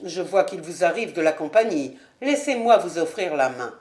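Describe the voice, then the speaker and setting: Woman reading a low, courtly nobleman, formal and grave, storybook; roomy room. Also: animated, moderate pace, a little mellow, natural voice. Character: dignified older marquis, proud and courteous. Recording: roomy home recording.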